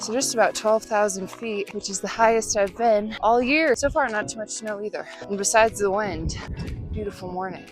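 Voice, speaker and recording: A young woman chatting casually to her vlog while out on a trail run, recorded outdoors on a mountain. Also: medium pitch. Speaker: trail running vlogger. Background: music.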